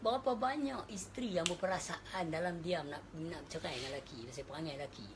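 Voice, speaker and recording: A woman's voice: fairly low pitch, quick pace, background noise. Chatty woman with a northern Malaysian accent. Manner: chatty, mixes in English words. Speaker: religious speaker. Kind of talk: casual religious talk.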